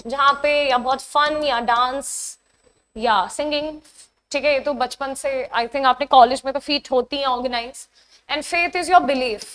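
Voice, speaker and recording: A young woman with an Indian accent and a high, light voice teaches an online exam-prep English class. She explains word pairs in a mix of Hindi and English and reads each test sentence slowly and carefully. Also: a bit bright.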